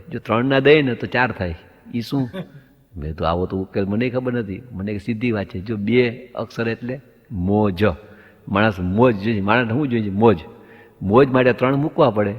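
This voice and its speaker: This is stand-up comic storytelling from a man whose medium-pitched voice has a breathy edge and moves at normal speed. He acts out both halves of the dialogue as he builds each anecdote to its punchline, heard through dull, lo-fi audio drenched in long hall reverb.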